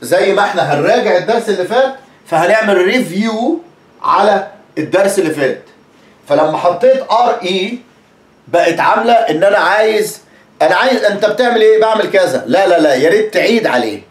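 An Egyptian man with an Egyptian Arabic accent gives a casual spoken lesson on English pronunciation, chatty and repetitive, acting out examples. His voice sits high and expressive, he speaks fairly quickly, and the sound is roomy.

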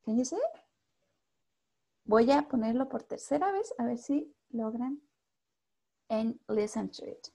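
Over a video call, a Chilean Spanish-accented woman patiently teaches English, mixing English into her Spanish and checking in with students all the time. She speaks slowly with long pauses, in a voice on the high side that is creaky and warm with a breathy edge.

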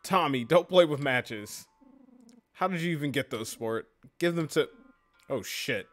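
A man's voice: a little high, lively intonation, measured pace, a bit bright, soft background music. A man voicing a weary male orphanage keeper from a game, read aloud in plain game dialogue. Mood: fussing.

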